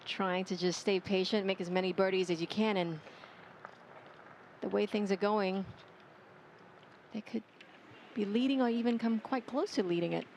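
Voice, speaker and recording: A woman's voice: mid-range voice, moderate pace, long pauses, darkish tone, slight background noise. A woman giving live golf analysis as a co-commentator.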